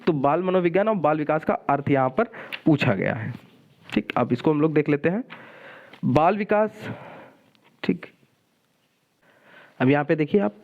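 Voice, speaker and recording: A man's voice: a little high, phone-quality sound. A male teacher giving an exam-prep lecture, explaining step by step and checking in with "okay" after each point. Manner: explanatory, repeats "ठीक है" often.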